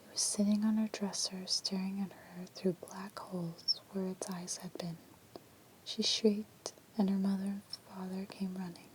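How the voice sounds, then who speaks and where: A woman reading creepy legends as an ASMR storyteller in a hushed, breathy whisper. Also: medium pitch, level tone, normal speed, hardly any pauses, a little hiss or hum, rough recording.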